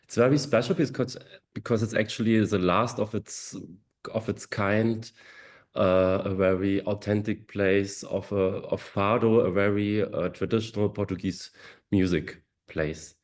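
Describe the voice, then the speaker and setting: Male director, low voice, enthusiastic and hesitant. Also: steady tone, unhurried, darkish tone. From Germany. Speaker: film director. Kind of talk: Q&A panel answer.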